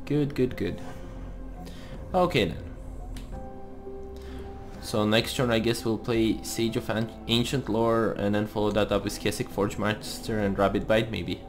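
A man's voice: on the low side, fairly even intonation, a little slow, pauses often. A man giving casual gameplay commentary, thinking aloud as he plays. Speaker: host of a card game let's play series. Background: music.

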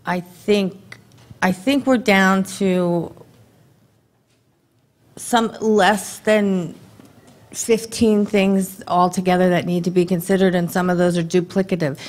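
A woman in her thirties giving a conference talk at a podium microphone in a dim hall, brisk and conversational, throwing rhetorical questions to the audience. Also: fairly low pitch, steady tone, a little mellow. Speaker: government contracting presenter. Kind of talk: conference presentation.

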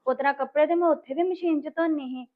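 A woman's voice: high voice, fast. A woman playing a young wife who narrates and answers patiently in a family drama. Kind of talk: amateur family drama acting. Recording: thin phone-like sound.

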